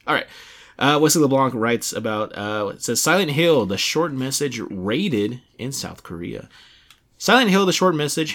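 A young adult man hosts a casual video game podcast, rambling along with plenty of restarts and fillers. His voice is medium-pitched and a bit bright.

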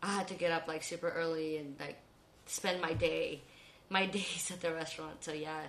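A woman's voice: sits low, fairly even intonation, normal speed, a bit bright, slight background noise. A woman in her thirties chatting as a podcast guest, with frequent ums and self-corrections. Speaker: interview guest. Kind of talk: casual conversation. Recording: roomy echo.

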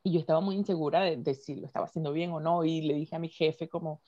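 A Venezuelan woman in casual conversation, telling stories in an animated way and laughing often. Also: sits low, quick pace, no echo, lo-fi sound.

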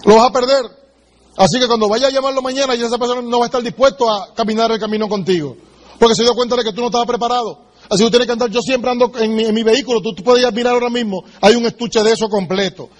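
A man's voice: extremely high pitch, steady tone, rapid-fire. A man giving a motivational sales training talk, direct and emphatic, speaking straight to the listener and acting out sales conversations. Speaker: business seminar speaker.

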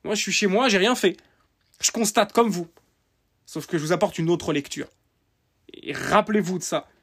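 A male preacher in an impassioned religious rant, swinging from loud emphatic outbursts to quiet sarcastic asides and repeating key phrases. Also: sits high, moderate pace, vocal fry, breathy edge.

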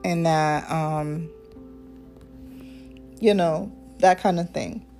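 A woman in her twenties hosting a casual faith-based podcast, talking in a relaxed, rambling way with many ums and asides. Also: deep voice, drawn-out words, gravelly, faint music behind. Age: 20s. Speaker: podcast host.

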